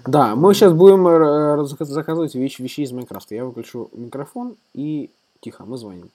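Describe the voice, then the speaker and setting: A man hosting a casual, improvised introduction, addressing listeners in a halting way. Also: on the high side, dark tone. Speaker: host of prank call recording.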